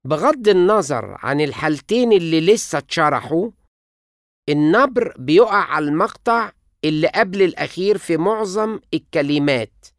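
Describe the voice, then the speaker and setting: A language teacher with an Egyptian Arabic accent, giving scripted instructional narration and pronouncing each example word slowly and carefully. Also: medium pitch, expressive, dry recording, studio quality.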